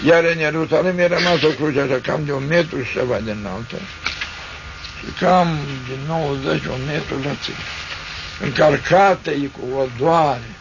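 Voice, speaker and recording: Older priest telling a rambling story. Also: male voice, fairly high pitch, gravelly. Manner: rambling, repetitive, vivid storyteller. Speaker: Orthodox priest. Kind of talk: spoken storytelling to listeners. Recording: dull lo-fi recording with faint noise.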